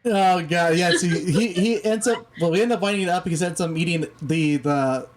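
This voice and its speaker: Host w/ spanish as first language, mid pitch, slow careful talk, keeps restarting. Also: soft background music. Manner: deliberately slow, careful speech with frequent restarts. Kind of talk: casual talk show chat.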